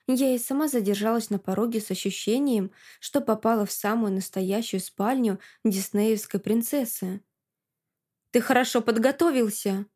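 A woman narrating a novel in first person, with a measured, sardonic delivery. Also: medium pitch, dark tone. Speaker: audiobook narrator.

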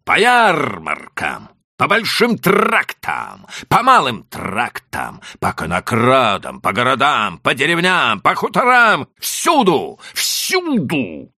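A man voicing a desperate, hot-tempered male landowner who pleads and exclaims loudly in an audiobook. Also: mid-range voice, wildly swooping pitch, slow pace, few pauses, dry recording, clean studio sound, pitched above the performer's own voice, exaggerated voice. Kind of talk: audiobook character voice.

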